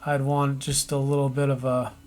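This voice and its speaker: A man narrating an animation tutorial, thinking aloud as he works, with pauses and restarts. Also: medium pitch, completely flat delivery, a little mellow.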